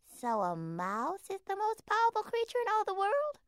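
A woman voicing an eager young female mouse, high and bright with lively questions. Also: moderate pace, no echo, clean studio sound, heavily acted.

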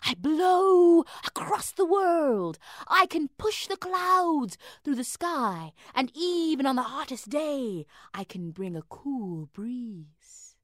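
A great, sweeping wind, as a woman puts it on for a story, breathy and half-whispered. It draws its words out slowly, rising and falling in long, airy sweeps. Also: high voice, big pitch swings, dry recording, studio quality, voice pushed up, full character voice.

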